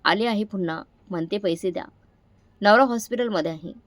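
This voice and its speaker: A woman's voice: mid-range voice, brisk, no room sound, lightly acted. A woman doing a sneering rich daughter-in-law. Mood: scornful. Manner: sneering, raised voice. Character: arrogant rich young daughter-in-law, scornful.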